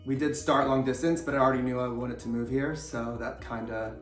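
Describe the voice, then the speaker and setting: A man with an average-pitched voice talks earnestly in a couple's vlog, pausing and hedging as he shares a personal story. His voice rings in a roomy space. Faint music plays behind him. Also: flat delivery. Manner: earnest, hesitant with fillers. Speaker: co-host of a couple's channel. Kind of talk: casual chat, personal story. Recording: echoey room, faint music.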